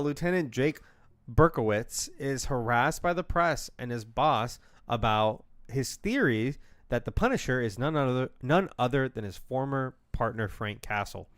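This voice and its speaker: A man's voice: medium pitch, animated, normal speed, no room sound, clean studio sound. A young man co-hosting a casual film-review podcast, chatty with lots of fillers, reading plot summaries aloud. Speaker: podcast co-host.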